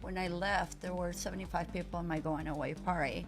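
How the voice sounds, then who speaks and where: A woman's voice: lowish voice, steady tone, fairly quick, music in the background. A woman hosting a casual radio interview, chatty and laughing often. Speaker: radio show host.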